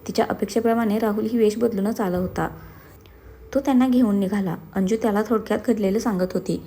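A woman's voice: medium pitch, steady tone, quick pace, warm tone, slight background noise. A woman narrating a scripted story, reading every character's dialogue in her own voice. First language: Marathi. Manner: reads all characters' dialogue in her own voice, switching to Hindi for some.

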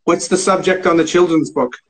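Brief: 40s male host, husky slightly high voice, chatty and easygoing, phone live stream from home. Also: brisk. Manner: chatty, easygoing, asks lots of questions. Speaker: host of an online live chat. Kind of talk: casual live-stream chat. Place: home room, indoors. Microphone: phone at arm's length.

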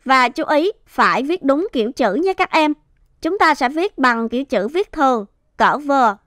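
A woman teaching first-grade reading, sounding out and stretching each syllable clearly for young children. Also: sits high, animated, moderate pace, a bit bright, no room sound, clean studio sound. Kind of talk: slow, clear phonics teaching.

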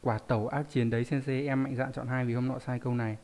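A man's voice: mid-range voice, little pitch movement, quick pace, a little mellow. Man teaching a live online lesson. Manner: reads viewer names and explains readings, asking rhetorical questions. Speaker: Japanese teacher.

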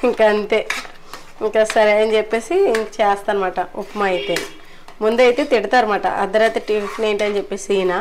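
A woman's voice: mid-range voice, a little hiss or hum. A woman casually narrating a home cooking vlog, chatting politely to her viewers as she cooks. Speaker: cooking vlogger. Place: home kitchen.

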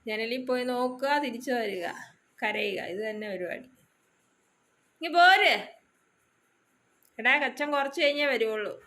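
High bright-voiced woman coaxing her dog. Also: fairly quick. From Kerala, India. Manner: coaxing, soothing baby talk to a dog. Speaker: dog owner vlogger. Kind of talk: casual talk to a pet dog. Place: at home indoors.

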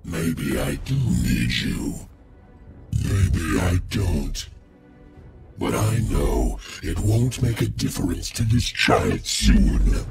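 A man voicing a sinister, hungry shadow monster in a video game, with a gravelly, theatrical, threatening delivery. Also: deep voice, very animated, extremely slow, a little mellow, faint music behind, full character voice. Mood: cold menace. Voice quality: gravelly, creaky.

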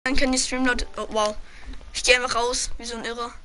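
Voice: medium pitch, little pitch movement, a little fast, pushed and bright. A teenager streaming a car soccer game, bantering boisterously with friends over voice chat and laughing a lot. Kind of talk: casual gaming chat with friends.

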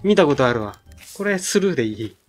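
A man chatting casually while playing a video game, blunt and joking in rough everyday speech. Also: fairly high pitch, very animated, quick pace. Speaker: game commentator. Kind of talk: casual gameplay chat. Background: game music.

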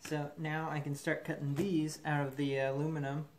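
A man's voice: fairly high pitch, normal speed, a little hiss or hum. Man explaining a shop build. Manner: relaxed, thinking aloud with fillers. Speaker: metal fabricator demonstrating a build. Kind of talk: casual shop demonstration. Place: indoor metal fabrication shop. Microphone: camera mic, speaker off-frame above the bench.

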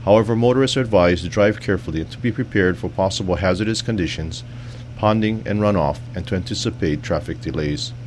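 Deep-voiced male emergency announcer, noisy recording. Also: fast, a little mellow. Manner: formal, official. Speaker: civil defense announcer. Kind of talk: scripted public safety announcement. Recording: noisy recording with low hum.

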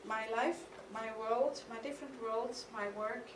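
A middle-aged woman with a German accent, an artist at a conference, reads a partly poetic, prepared lecture from a podium in a fairly high voice with fairly even intonation. She is measured and reflective, with some hesitations. She speaks into a podium mic on a stand on the stage of a mid-sized studio hall, while the recording, made from the camera's distance, sounds echoey with a noisy background.

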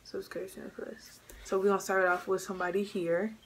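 A woman's voice: mid-range voice, flat delivery, fast talker. A young woman chatting casually as co-host of a YouTube channel, recorded in a bedroom on a camera mic. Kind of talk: casual chat. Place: small bedroom. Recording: noisy home webcam recording.

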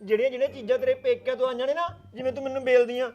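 An actor playing a lazy, quarrelsome village husband in a comedy sketch, bantering loudly and teasingly. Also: male voice, extremely high pitch, fairly even intonation, racing, lo-fi sound. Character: lazy bickering village husband, middle-aged man. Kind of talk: rural comedy sketch acting.

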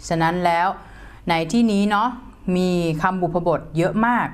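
A young woman teaching English grammar to students, explaining slowly and patiently and spelling words out letter by letter. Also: on the low side, smooth. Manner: spells words letter by letter, calls listeners "friends".

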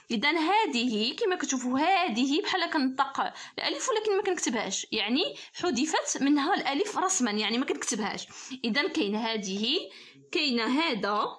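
A woman's voice: high-pitched, fairly bright tone. A woman teacher with a Moroccan Arabic accent who works through a grammar test for pupils, laying out each rule patiently and step by step. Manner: patient, explains rules step by step.

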